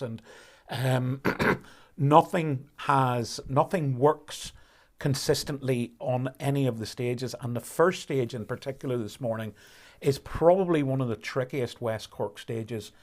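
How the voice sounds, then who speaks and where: Explaining conditions during a rally live stream, a male commentator speaks at medium pitch. He stays measured, though fillers and restarts crop up.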